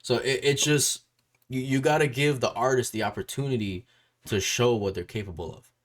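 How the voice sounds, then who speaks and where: Here a Puerto Rican or Puerto Rican-descended man with a medium-pitched voice speaks at normal speed while hosting a laid-back music YouTube interview. His talk wanders, loops back on the same phrases, and is dotted with questioning tags.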